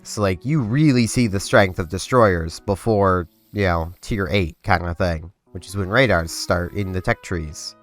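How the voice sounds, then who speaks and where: Over faint game music in a dry, close recording, a deep-voiced young man who sounds congested chats casually while playing, hosting his gaming channel. He's unhurried and barely pauses, yet his talk rambles, full of fillers, restarts and self-interruptions.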